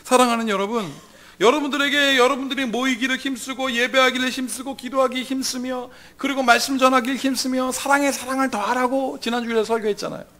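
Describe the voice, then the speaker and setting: A male pastor delivering a sermon in a notably high voice for a man. He speaks with emphasis and swings between loud declarations and quiet, hushed asides. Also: steady tone, brisk.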